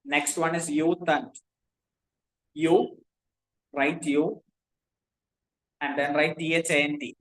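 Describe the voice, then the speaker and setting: Indian man spelling out names slowly. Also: on the high side, level tone, low-quality recording. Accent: Indian English. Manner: spells words out letter by letter, repeats himself. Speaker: teacher. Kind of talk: classroom lecture dictating notes.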